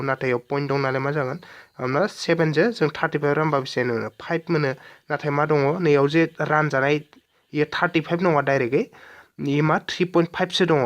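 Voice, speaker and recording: A man's voice: a little high, highs cut off. A male math teacher giving an exam-prep lesson, patiently explaining and asking questions that he then answers himself. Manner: poses questions and answers them himself step by step.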